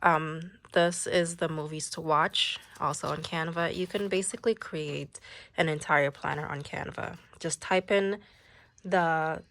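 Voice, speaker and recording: At a measured pace and with no room sound, a young woman vlogs a laid-back walkthrough of her planner pages, now and then saying "like" or "um." A cold leaves her slightly low voice stuffy and nasal.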